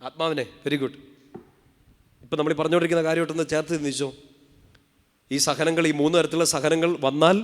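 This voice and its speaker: A male priest preaching a rousing sermon at a convention, calling the crowd to respond and quizzing them playfully. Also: on the high side. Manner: rousing, calls the crowd to say hallelujah. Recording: hall reverb.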